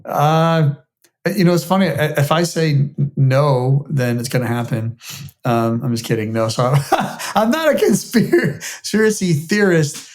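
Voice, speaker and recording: A man's voice: fairly high pitch, lively intonation, measured pace. A man co-hosting a business podcast in a studio, chatting casually, hedging and trailing off as he thinks aloud. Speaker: podcast co-host.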